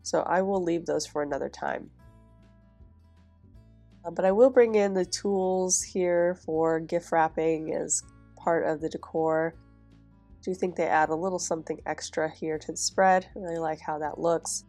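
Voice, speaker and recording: She's a planner vlogger, a young woman whose cold leaves her voice stuffy and nasal as she chats through a voice-over while decorating. Her voice sits low and her pace is measured, with faint music behind her, and she stays relaxed and chatty with soft laughs.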